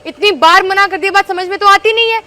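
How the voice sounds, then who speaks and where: Voicing the same contemptuous, mocking ex-girlfriend in a short skit, the woman insults her elders in an extremely high, bright, forceful voice at a quick pace. A little hiss or hum sits under the recording.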